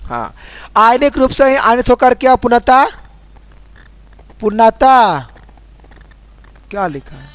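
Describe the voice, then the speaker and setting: A man teaching a school chemistry lesson, asking the class questions and answering them himself, and reading chemical formulas out slowly letter by letter. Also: very high voice, big pitch swings, a bit bright, dry recording. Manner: repeats questions and drills answers.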